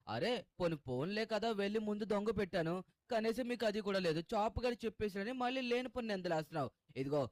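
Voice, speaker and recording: A man playing a young cartoon guy with a fairly high voice, grumbling and defending himself. His calls stretch out long. The sound is dry. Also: no room sound.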